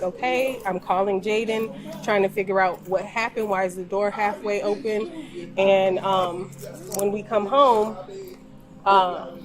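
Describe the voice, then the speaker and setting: A middle-aged woman, a mother, telling police her side in an emphatic, insistent way. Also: medium pitch.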